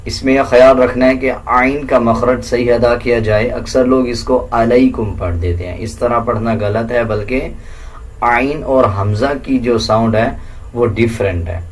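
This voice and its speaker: A man teaching tajweed, explaining the pronunciation rules in a plain, instructive way and then chanting verses slowly in a higher, melodic voice. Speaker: Quran recitation teacher.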